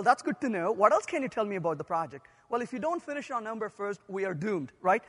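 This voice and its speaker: High-voiced male lecturer in a reverberant hall. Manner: animated, rhetorical questions to the audience. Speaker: software lecturer.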